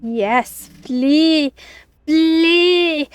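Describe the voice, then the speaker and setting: A woman voicing a mischievous colleague in a video game with slow, theatrical menace. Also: sits high, no room sound, heavily acted. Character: spooky mischievous colleague warning of night-shift horrors.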